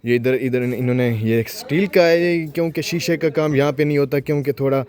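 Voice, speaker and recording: A man's voice: mid-range voice, a little fast, darkish tone. A man hosting a casual vlog, chatting and teasing people around him outdoors at an event tent. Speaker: vlogger.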